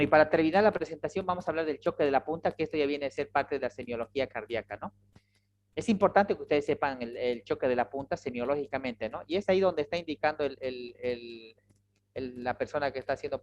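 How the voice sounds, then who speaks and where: Lecturer dull lo-fi audio. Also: mid-range voice. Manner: explanatory, checks in with "¿ya?" and "¿listo?". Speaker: medical lecturer. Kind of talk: online lecture to students.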